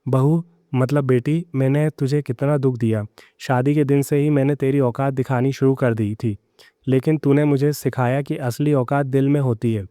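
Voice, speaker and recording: A man voicing a proud, bitter older mother-in-law who softens, speaking in a sharp scolding way. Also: medium pitch, fairly even intonation, moderate pace, no echo, clean studio sound, natural voice. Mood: tender.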